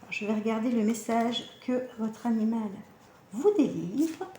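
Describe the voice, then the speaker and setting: A woman's voice: on the high side, normal speed, warm tone, echoey room, a little hiss or hum. Chatty woman reading oracle cards. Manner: chatty, hesitant, many fillers and self-corrections. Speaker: animal communication card reader. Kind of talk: casual card-reading guidance.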